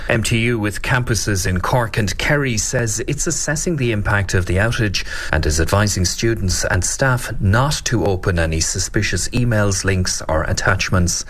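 Low-voiced male news reporter. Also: normal speed, few pauses, fairly bright tone.

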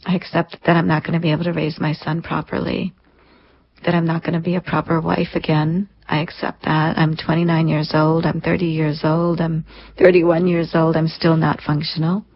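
A woman's voice: deep voice, little pitch movement, moderate pace, breathy edge. A woman in her thirties, an interview guest, telling a personal story in an earnest, reflective way. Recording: lo-fi dull sound.

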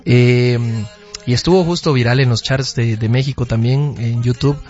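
A man's voice: medium pitch, moderate pace, a little mellow, dull audio. A young man from Guatemala, a musician guest on a radio show. He talks in a friendly, easygoing way in a studio booth. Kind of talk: casual radio interview. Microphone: studio microphone. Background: faint music.

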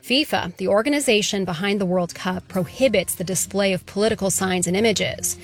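A woman reporter narrating a scripted news story in a measured way. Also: mid-range voice, soft background music.

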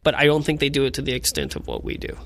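A young man with a medium-pitched voice speaks in a casual interview. He sounds enthusiastic and tells personal stories loosely and informally. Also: sing-song, rapid-fire, gravelly, a bit bright. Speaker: amusement park manager.

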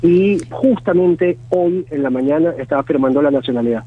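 A Venezuelan man in his thirties with a Venezuelan Spanish accent, speaking as a guest in a phone interview, halting and full of fillers and restarts. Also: on the high side, a loud crowd. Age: 30s. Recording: tinny phone line.

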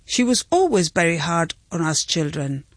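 A woman speaking a first-person interpreted voice-over in a gentle, steady reading voice. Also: fairly low pitch, normal speed, no echo.

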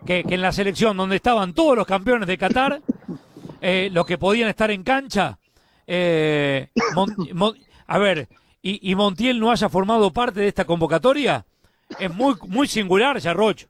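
An Argentine man hosts live sports radio in a brisk, chatty way. His voice sits high and the studio sound is dry and close. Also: expressive, dry recording. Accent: Argentine Spanish. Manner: brisk, conversational, directs reporters.

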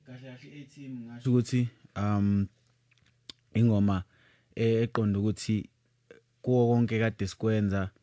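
A young man in his twenties, a musician guest answering interview questions in a halting way full of fillers. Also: on the low side, steady tone, mellow, no room sound, clean studio sound. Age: 20s.

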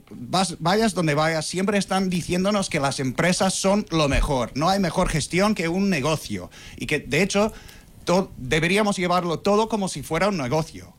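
An American man in his thirties doing a stand-up comedy set with dry, punchy joke delivery. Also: high voice. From United States.

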